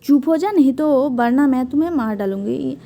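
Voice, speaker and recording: A woman's voice: high-pitched, expressive, moderate pace, gravelly, warm tone. A woman voicing an angry male lion, king of the jungle, growling threats in a storybook reading.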